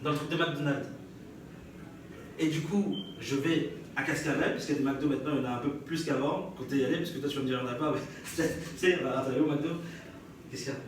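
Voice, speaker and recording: Here a young man with a French accent does stand-up storytelling on stage, trading banter with listeners and laughing frequently. He speaks quickly in a slightly high voice with a steady tone. A far-off mic captures the echoing live room and crowd noise.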